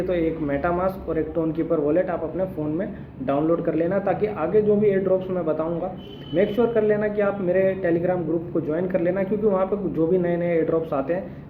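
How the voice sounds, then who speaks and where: A man's voice: on the high side, echoey room, narrow, tinny audio, slight background noise. A young man explaining step by step in a casual tutorial, mixing English tech terms into his speech. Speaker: crypto tutorial host. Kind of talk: casual screen-recorded tutorial.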